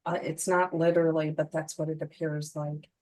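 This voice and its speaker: A woman's voice: sits low, flat delivery, normal speed, darkish tone, poor audio. A woman co-hosting a casual chat podcast, explaining things plainly with many fillers. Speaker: podcast co-host.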